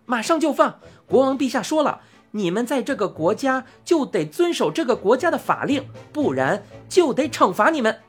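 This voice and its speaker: Woman doing a shrill tiny creature man. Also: big pitch swings, normal speed, faint music behind. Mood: smug. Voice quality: thin, piercing. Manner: snickering, bossy and glib. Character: tiny cocky male creature, shrill and mocking.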